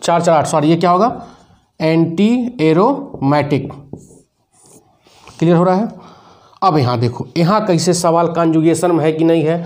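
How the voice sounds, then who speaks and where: A man's voice: fairly high pitch, fairly even intonation, fast talker. A man from teaching chemistry at a board, counting electrons aloud and quizzing his students. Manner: counts aloud step by step, drills students with questions. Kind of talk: whiteboard lecture.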